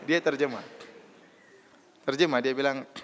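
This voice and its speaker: A man from Indonesia preaching a sermon, telling stories in a lively voice and rising to sudden loud outbursts. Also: mid-range voice, unhurried, background noise. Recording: hall reverb.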